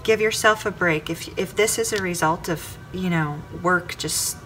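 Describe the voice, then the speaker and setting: An unhurried woman with a fairly low, slightly bright voice reads the weekly tarot on a low-quality recording. Music plays clearly underneath as she speaks straight to each star sign and returns to her phrases again and again.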